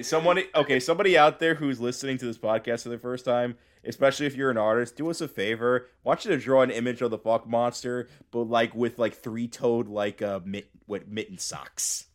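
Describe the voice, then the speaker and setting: A man co-hosting a podcast in casual, joking chat, excitable and rambling with lots of fillers. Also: mid-range voice. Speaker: podcast co-host.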